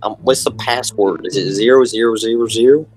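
A man's voice: fairly low pitch, a little fast, a little mellow, soft background music, natural voice, poor audio. A man playing a rowdy, goofy redneck, scheming and childlike, in an improvised video game role-play.

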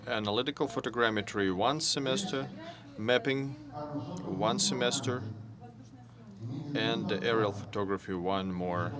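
Slow, halting man at a conference. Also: lowish voice, crowd noise. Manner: slow and halting, with many pauses. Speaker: conference speaker. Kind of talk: conference presentation.

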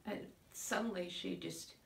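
Dramatic monologue: actress as bewildered grieving mother, middle-aged, searching soliloquy, creaky voice, long gaps, distant roomy recording. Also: lowish voice, a little hiss or hum. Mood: subdued, searching. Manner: searching soliloquy, halting with long pauses, groping for words. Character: grieving mother recalling her daughter's decline, subdued and bewildered. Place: indoor room before a curtain, recorded from a few feet. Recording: roomy echo, distant microphone.

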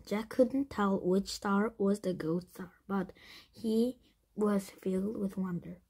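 A woman reading a children's chapter book aloud, in a soft, half-whispered manner that stumbles and restarts. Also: mid-range voice, takes it slowly, breathy edge. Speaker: reader.

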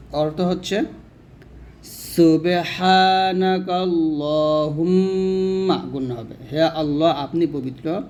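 A man teaching prayer recitation, chanting each phrase slowly and drawn out, then explaining pronunciation quickly in between. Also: fairly high pitch, dark tone. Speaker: religious teacher.

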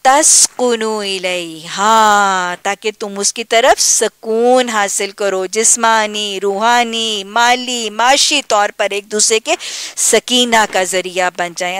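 A woman teaching a religious lesson on scripture, emphatic and full of rhetorical questions, slowing down to recite prayers. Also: medium pitch, a bit bright, clean tone, no room sound. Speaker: Quran teacher.

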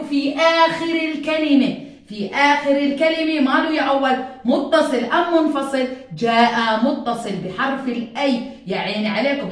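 Jordanian lady teacher, kinda high voice, sing-songy, stretches sounds out, super echoey room. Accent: Jordanian Arabic. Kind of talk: recorded first-grade lesson.

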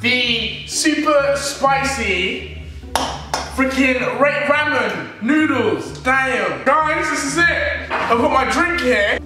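A man's voice: very high-pitched, animated, slow pace. A young man talking casually to camera as a food challenge vlogger. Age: young adult. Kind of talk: casual vlog talk to camera. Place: home kitchen, indoors. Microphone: camera a few feet away. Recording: echoey room, distant camera mic, music behind.

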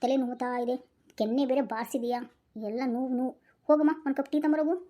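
A woman plays a whiny, henpecked young husband in a comedy sketch. He pleads and protests at high pitch, saying the same thing over and over in a quick, breathless rush. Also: steady tone, warm tone, natural voice. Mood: sulky. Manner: pleading, protesting and repeating himself. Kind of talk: comic sketch acting.

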